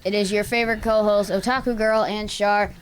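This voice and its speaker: A woman co-hosting an anime show in casual chat, talking like an excited, enthusiastic anime fan. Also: mid-range voice, brisk, clean tone, low-quality recording.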